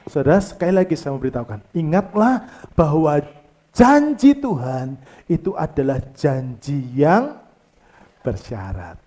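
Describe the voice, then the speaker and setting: Male pastor, high voice, wildly varied delivery, lively sermon with shouts dropping to soft asides. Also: unhurried. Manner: calls out to the congregation and leads them in reading aloud; swings from loud exclamations to soft low asides.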